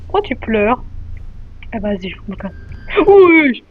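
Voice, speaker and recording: A woman giving excitable gameplay commentary as a streamer, full of sudden exclamations. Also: mid-range voice, moderate pace, husky. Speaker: gaming streamer. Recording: dull lo-fi mic.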